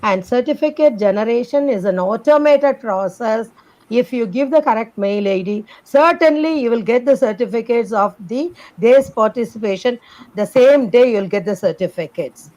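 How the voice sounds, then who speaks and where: A woman hosts an online session, reading a guest's credentials from a prepared script. Her voice sits somewhat high, and her delivery stays formal and instructive. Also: expressive, moderate pace, warm tone, poor audio. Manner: reads a prepared bio, then gives instructions. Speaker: program host introducing speaker. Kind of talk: formal introduction and announcements.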